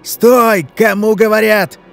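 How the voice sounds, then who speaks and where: Guy doing a cursing monster from a horror story, loud and higher than his own voice, snarling, drawn out. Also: lively intonation, unhurried, faint music behind. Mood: furious. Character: foul-mouthed male forest monster, furious, menacing.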